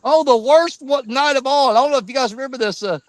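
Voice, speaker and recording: A man's voice: extremely high pitch, quick pace, dry recording. An older man chatting on a fishing show, telling wry stories and teasing the others. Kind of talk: casual chat.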